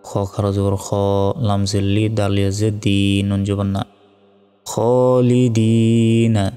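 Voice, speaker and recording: A man teaching Quran reading, spelling out syllables slowly and then reciting them in a melodic chant. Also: lowish voice, completely flat delivery, warm tone, clear, resonant tone. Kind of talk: letter-by-letter recitation lesson. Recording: long reverb hall with faint music.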